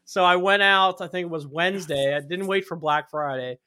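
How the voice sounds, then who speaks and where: Man, casual podcast host, bright forward voice, rambling talker. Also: a little high, moderate pace, smooth. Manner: rambling, repeats himself, laughs often. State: recovering from covid, no smell. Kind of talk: casual chat.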